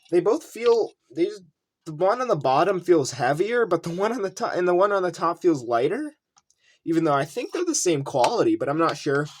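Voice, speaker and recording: Thinking aloud and rambling, a video host shows off collectibles in a casual unboxing, his mid-range voice husky. Handling clicks come through in the noisy room.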